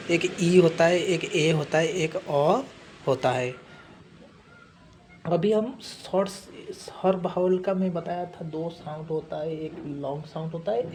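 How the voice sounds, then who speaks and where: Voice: medium pitch, darkish tone, a little hiss or hum. A phonics teacher giving a spoken lesson, explaining step by step, asking teaching questions and spelling out letters before repeating each example word.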